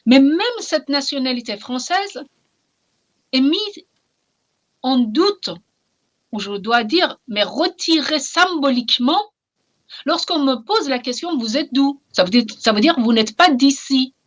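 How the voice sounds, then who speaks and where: She speaks French in a high-pitched, animated voice, her Persian accent marking her Iranian origins. This middle-aged novelist talks reflectively and passionately in an interview. Emphatic pauses and repeated phrases run through her speech.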